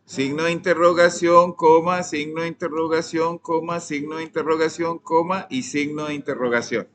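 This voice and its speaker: A young man with a Colombian accent, teaching a programming class, dictating code and quizzing his students, often trailing off softly. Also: on the high side, fairly even intonation, moderate pace. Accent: Colombian Spanish. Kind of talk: live coding lesson.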